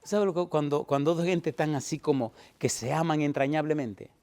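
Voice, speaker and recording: A man's voice: on the high side, moderate pace, darkish tone. A middle-aged male pastor preaching a sermon, firing repeated rhetorical questions at his congregation and building to emphatic peaks.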